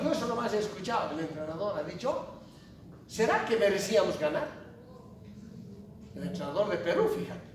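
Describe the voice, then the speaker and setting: A male university lecturer from Bolivia gives a classroom lecture in a bright, high voice that swings up and down. He's animated and jokey, often putting questions to the class. He's miked from far back in a large, booming classroom, so the recording is echoey and noisy.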